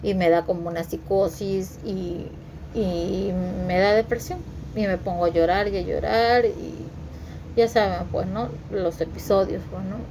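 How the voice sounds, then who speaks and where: A woman telling a personal story to her viewers in a halting way, repeating words and using many fillers. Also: mid-range voice, steady tone, noisy background. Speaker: vlogger sharing her story.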